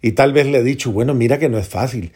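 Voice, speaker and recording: A man preaching a homily as a priest, earnest, repeating phrases for emphasis and dropping to soft prayerful tones. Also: medium pitch, fast talker, husky.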